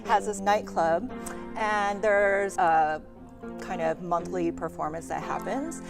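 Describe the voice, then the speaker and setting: A woman, an arts teacher and former dancer, talking in a relaxed way with many fillers as an interview guest. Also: fairly low pitch, slow pace. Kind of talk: casual hot-sauce interview. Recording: live stream with music behind.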